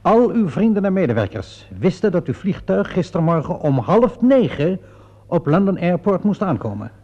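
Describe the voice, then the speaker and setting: A high-sitting male voice with a dark tone and sing-song delivery plays a relentless inspector in a radio drama, fully in character. He questions a cornered suspect in a methodical, pressing, mock-polite and insinuating way, with theatrical deliberateness. The old recording is dull and muffled.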